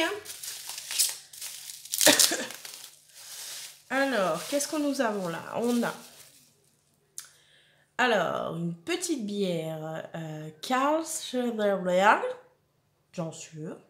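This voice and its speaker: A woman's voice: mid-range voice, noisy background. Chatty frank woman, roomy sound. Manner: chatty, frank and opinionated, addressing viewers directly. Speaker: vlogger reviewing a food subscription box. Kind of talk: casual unboxing chat.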